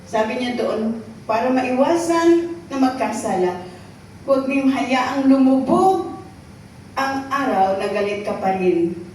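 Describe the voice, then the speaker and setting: Filipino lady preaching, higher voice, lots of okay? right?, echoey church from far off. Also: expressive, slow, pauses often, a little mellow, slight background noise. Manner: Taglish preaching, asks "okay?" and "right?" often. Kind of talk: sermon. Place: church hall. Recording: echoey hall recorded from far off.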